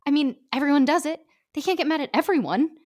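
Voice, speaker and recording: A man's voice: very high voice, animated, quick pace, a little mellow, pitched above the performer's own voice. A woman reading a storybook, voicing a bewildered husband newly arrived in heaven who talks defensively. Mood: pleading.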